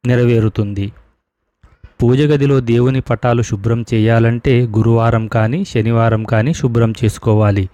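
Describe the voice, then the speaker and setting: A man's voice: mid-range voice, warm tone, dry recording, muffled recording. A man, a spiritual teacher, giving scripted devotional instruction and steadily listing rules for worship to his viewers.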